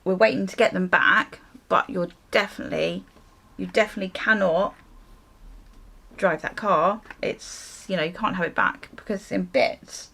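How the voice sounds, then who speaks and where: A British woman vlogger tells a casual, chatty story while getting ready, exasperated and sweary, playing both sides of each conversation. Her voice is fairly low, creaky, a little bright and slightly rough, at normal speed.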